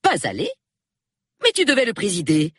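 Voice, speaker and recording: A man voicing a brisk, sharp-eyed middle-aged woman in an audiobook, in a raised, pointed voice. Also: wildly swooping pitch, no room sound, studio quality, heavily acted. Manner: bright, pointed, high-pitched. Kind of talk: audiobook character voice.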